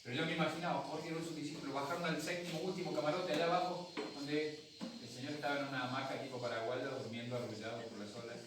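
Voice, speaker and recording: Male Argentine pastor, lively storyteller sermon, high voice, recorded from afar in an echoey hall. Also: fast talker, noisy background. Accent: Argentine Spanish. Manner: storytelling, acts out voices, talks with the congregation. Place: church hall. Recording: echoey hall from a distant mic.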